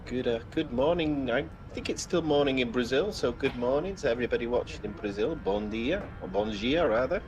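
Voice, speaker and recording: Over music, with the highs cut off, a Welsh man speaks at medium pitch, expressive and a little fast, hardly pausing. He hosts a live aviation stream in a casual, chatty style, greeting viewers kindly. His Welsh accent has a northern English influence.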